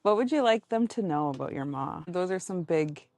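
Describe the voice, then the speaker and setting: A woman host asks gentle, reflective questions. Her voice sits low and mellow. The sound is dry, with no echo. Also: lively intonation, moderate pace. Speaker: podcast host. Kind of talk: interview.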